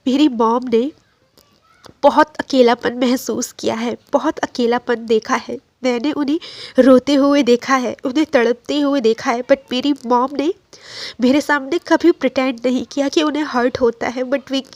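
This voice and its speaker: A woman's voice: sits high, fairly even intonation, moderate pace, a little mellow, dry recording. A woman voicing a tearful young man who pleads with the one he loves, faltering and repeating his words. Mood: sad, confessional.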